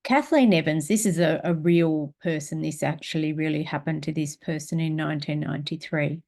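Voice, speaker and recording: A woman teaching a spiritual class, guiding a meditation in a slow, calm, gentle way and reading aloud. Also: sits low, vocal fry.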